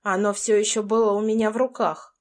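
A woman's voice: medium pitch, flat delivery, fairly quick, darkish tone. A young adult woman reading a first-person romance audiobook as an anxious, tense inner monologue. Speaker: audiobook narrator.

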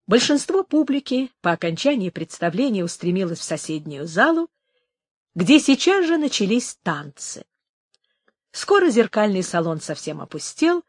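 An audiobook narrator with a fairly high-pitched voice reads a novel in an even, measured storytelling manner. The scripted narration is recorded dry, with studio quality.

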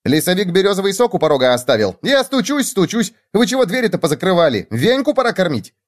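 A man voicing an excitable, fast-talking male hare in a children's audiobook, with a high, rapid chatter. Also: heavily acted.

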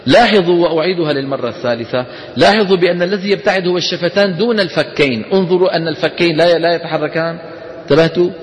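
A man with a Levantine Arabic accent gives a classroom lesson on Quran recitation in a fairly high voice. He quizzes his students, answers his own questions and voices letter sounds aloud for them to repeat. His voice carries a long reverb, as in a large hall. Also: racing. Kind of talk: classroom lecture.

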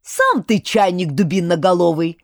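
A woman's voice: fairly low pitch, big pitch swings, moderate pace, no echo, studio quality, pitched below the performer's own voice. A woman voicing a theatrical young genie-wizard. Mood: indignant. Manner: theatrical, indignant and flowery. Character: grumpy sardonic young male spirit-wizard.

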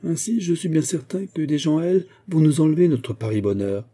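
A man's voice: fairly high pitch, sing-song, fairly quick, warm tone, pitched above the performer's own voice. A man voicing a charming male store owner who persuades his customers cheerfully. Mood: persuasive.

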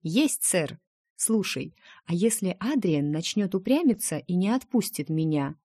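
A woman's voice: fairly low pitch, expressive, measured pace, dark tone, husky, no echo, clean studio sound. A woman reading the part of a chatty, playful young heroine in an audiobook, wheedling her dragon friend.

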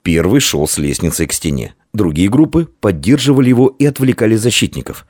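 A deep, lively male narrator tells a story expressively at a fairly quick pace. This audiobook narration has clean studio sound with no room sound.

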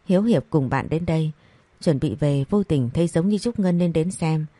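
A woman narrating a scripted story, reading each character's lines in the same even voice. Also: sits low, moderate pace, dry recording. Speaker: audiobook narrator.

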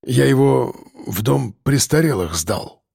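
A man voicing a rough, evasive middle-aged working man who grumbles and mumbles in halting speech. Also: mid-range voice, lively intonation, a little mellow, no echo, studio quality, full character voice. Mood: grumbling.

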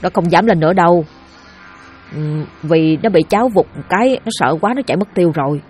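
A woman's voice: fairly low pitch, fairly quick, darkish tone, breathy edge, soft background music. A woman voicing a bold young boy ghost hunter, urging and commanding in a raised voice. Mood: coaxing. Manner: urgent, commanding.

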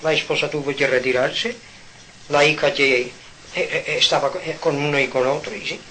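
A man from Mallorca, giving an informal spiritual talk at home in an animated, preaching manner with rhetorical questions and sudden loud outbursts. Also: fairly high pitch, normal speed, a little hiss or hum, low-quality recording. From Mallorca, Spain. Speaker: spiritual speaker.

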